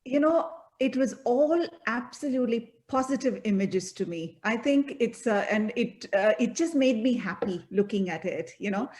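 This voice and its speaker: A woman's voice: fairly high pitch, animated, normal speed, hardly any pauses, a little mellow. A woman judge giving feedback on a video call, hesitant, with many repeats and restarts.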